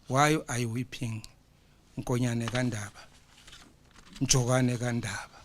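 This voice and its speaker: A man, a conference speaker reciting a poem and then explaining it in a measured, declamatory way. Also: mid-range voice, fairly even intonation, slight background noise. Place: conference hall.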